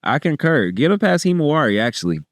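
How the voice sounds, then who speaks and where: A man's voice: on the high side, sing-song, fast, noisy background. A man hosting a podcast, joking around in casual street slang with plenty of swearing. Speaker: podcast host.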